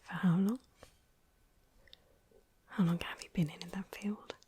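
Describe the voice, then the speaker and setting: A woman whispering softly and gently through an ASMR interview roleplay. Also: lowish voice, steady tone, a little hiss or hum. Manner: soft, slow, gentle whispering. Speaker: ASMR creator.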